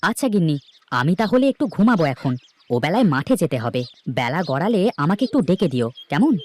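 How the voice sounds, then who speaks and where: A man's voice: fairly high pitch, big pitch swings, brisk, a little mellow. A man voicing a stern, grumbling village farmer and father in a cartoon, talking with sarcasm. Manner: scolding, sarcastic. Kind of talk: cartoon voice acting.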